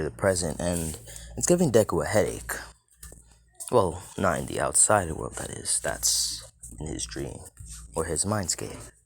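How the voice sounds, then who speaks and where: A man with a scratchy, low-sitting voice narrates a fan-made story in a loose, chatty style, swearing casually and wandering into side remarks.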